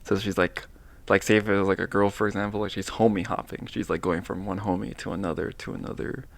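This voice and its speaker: A young man co-hosting a relaxed two-person chat show. His voice has a gravelly, fry-tinged edge, and he talks in a playful, teasing way, often drawing out and repeating single words. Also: sits low. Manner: playful, teasing, drawn-out repetition. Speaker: co-host. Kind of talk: casual chat.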